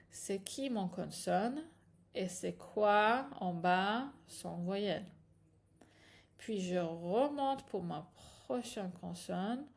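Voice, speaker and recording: A woman who teaches a reading lesson step by step, patiently checking in with her students as she goes. She speaks slowly and unhurriedly. Her voice has a gravelly, fry-tinged texture at a medium pitch. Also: a little mellow. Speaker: Hebrew teacher.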